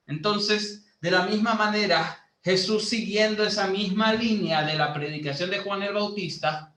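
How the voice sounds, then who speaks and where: Slow, echoey Bolivian lay preacher. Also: male voice, high voice, sharp tone. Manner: slow, teaching tone with many fillers, rising to emphatic preaching. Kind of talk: sermon to a youth group.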